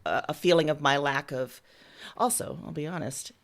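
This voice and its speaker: As an interview guest, a woman who writes and makes music talks enthusiastically and openly about her creative work in a casual chat. Her voice is deep and her pace is normal.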